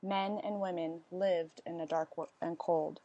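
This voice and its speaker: A woman reading a storybook aloud as narration, with expressive, deliberate phrasing and questions to her listeners. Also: on the low side, no echo. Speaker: storyteller reading a picture book.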